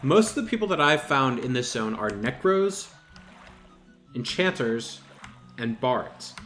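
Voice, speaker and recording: A man hosting a gaming channel, telling a story over gameplay in an animated, exasperated and self-mocking way. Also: medium pitch, a little slow, faint music behind.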